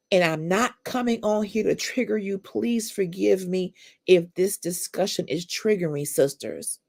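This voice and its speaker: A woman's voice: fairly low pitch, gravelly, dark tone. A middle-aged woman hosting a faith-based talk show, speaking in an emphatic, preacherly way and calling listeners sisters. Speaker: podcast host.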